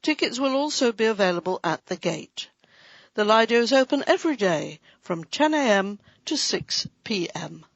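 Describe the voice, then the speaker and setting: Creaky voice reading out council news, bit cheeky, dry flat lo-fi sound. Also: mid-range voice, moderate pace, dry recording. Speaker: audio magazine reader. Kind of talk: scripted reading of a council magazine. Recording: dry, dull lo-fi recording.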